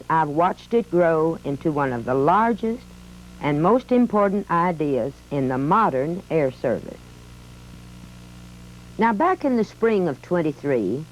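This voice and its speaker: A woman with an American accent voices an old retired army biplane, recounting its story in a folksy, reminiscing style for scripted museum narration. Her voice is on the low side and a little mellow, and the dull lo-fi recording has faint music and slight background noise.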